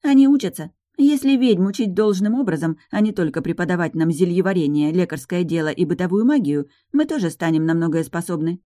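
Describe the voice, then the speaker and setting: A woman's voice: lowish voice, animated, a little fast, hardly any pauses, dark tone, no room sound, clean studio sound, natural voice. A woman voicing a fussy, traditional young witch student who speaks emphatically. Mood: emphatic. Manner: indignant, emphatic. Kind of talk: audiobook narration.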